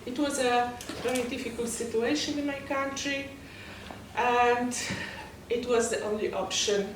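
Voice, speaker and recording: A woman from Poland with a Polish accent and halting non-native English, talking about herself as an interview guest. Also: a little high, steady tone. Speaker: guest, poet and novelist. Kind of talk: interview, personal account. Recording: very echoey, distant mic, noisy background.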